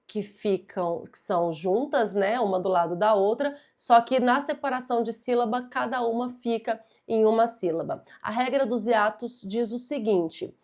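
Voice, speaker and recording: A woman's voice: a little high, normal speed, hardly any pauses, a little mellow. A young adult woman teaching a grammar lesson, patient and methodical, stressing key words and speaking straight to the student. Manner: talks directly to the student. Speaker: Portuguese teacher. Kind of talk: exam-prep grammar lesson.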